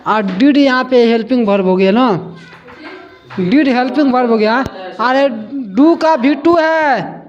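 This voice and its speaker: A male teacher giving a grammar lesson in a classroom, repeating each point and asking students if they understood. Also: very high voice. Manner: slow and repetitive, drilling students with questions. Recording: dull lo-fi classroom recording.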